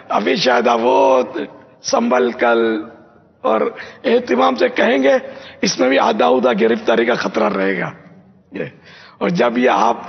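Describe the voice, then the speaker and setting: An older man, a religious scholar from Pakistan, gives an emphatic teaching talk to a gathering and repeats phrases slowly as pronunciation drills. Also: very high-pitched, vocal fry, husky. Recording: echoey hall, dull lo-fi sound.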